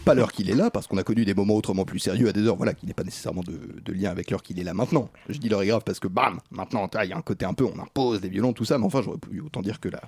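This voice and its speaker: A man's voice: on the low side, rapid-fire, few pauses, darkish tone, breathy edge, no room sound. A man reading a comic chronicle on the radio in a pompous, mock-grandiose orator's manner. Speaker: columnist.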